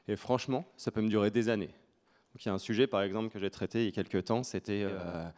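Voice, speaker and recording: Low-voiced Frenchman giving an informal talk. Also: a little mellow. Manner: colloquial, self-deprecating, joking. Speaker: conference speaker. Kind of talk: informal conference presentation.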